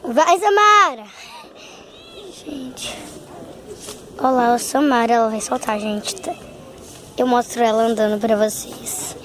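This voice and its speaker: A woman's voice: fairly high pitch, flat delivery, a little slow, pauses often, a little mellow. A teenage girl, narrating to viewers while filming friends on a phone outdoors. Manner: talks to viewers, narrates what others do. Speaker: vlogger. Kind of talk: casual chat to camera. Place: outdoors at a bonfire. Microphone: phone camera. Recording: clear outdoor noise behind.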